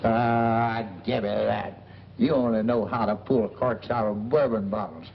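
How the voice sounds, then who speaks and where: In a 1940s film comedy, a male actor plays a boastful, wheedling, middle-aged boarding-house man who is a small-time schemer. His fairly low, creaky voice stays fairly even and unhurried as he brags cockily in folksy, ungrammatical bluster. The old soundtrack is muffled and noisy.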